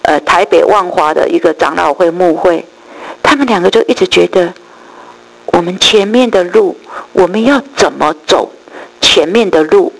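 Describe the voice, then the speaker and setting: A middle-aged woman, giving a lively church testimony and storytelling. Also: fairly low pitch, vocal fry, poor audio. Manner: lively storytelling, acts out quoted voices, many drawn-out particles.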